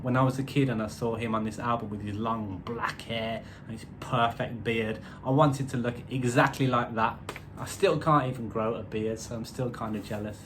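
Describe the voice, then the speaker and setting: A man talks through an album review in a casual, rambling way, with dry jokes at his own expense and plenty of musician's jargon. His voice sits at an ordinary middle pitch, with a faint hum of noise behind it. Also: fairly bright tone. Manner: chatty, rambling, wry asides; uses musician's terms.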